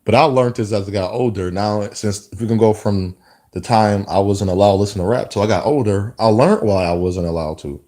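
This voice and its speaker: Talking to the camera, a man in his thirties delivers a loose, reflective vlog monologue, frequently beginning sentences again. He speaks fairly quickly in a dark-toned voice that sits on the low side.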